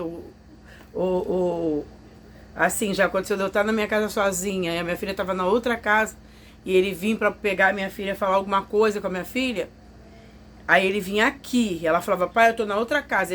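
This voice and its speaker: A woman's voice: mid-range voice, a bit bright, slight background noise. A woman telling a personal testimony to her viewers, confiding and emotional, acting out what others said. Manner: confiding, emotional storytelling that acts out others' voices. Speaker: vlogger telling a personal story.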